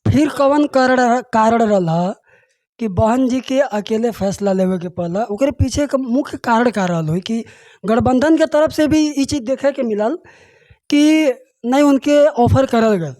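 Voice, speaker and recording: This interviewer speaks in a Bhojpuri accent and lets the questions wander slowly and deliberately. The voice sits in a middle pitch and is recorded dry, with no room echo. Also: darkish tone. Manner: long, winding questions, slow and deliberate. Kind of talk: casual political interview questions.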